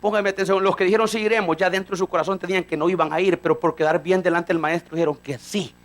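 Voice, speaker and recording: A man preaching a fiery sermon, rising to shouts and acting out dialogue between characters. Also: high-pitched, fairly even intonation, fast talker. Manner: fiery, rising to shouts, acts out voices of Peter and God.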